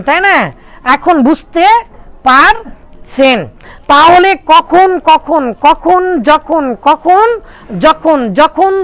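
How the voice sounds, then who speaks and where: A woman's voice: high-pitched, a bit bright. A woman teacher giving a classroom lesson, emphatic and repetitive, drawing out English example questions and quizzing the class with rhetorical questions.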